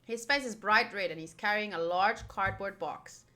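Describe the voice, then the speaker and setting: A young American woman streams a visual novel, reading it aloud and tossing in casual, playful comments over game music. Her mid-range voice moves at normal speed with a bright, forceful tone.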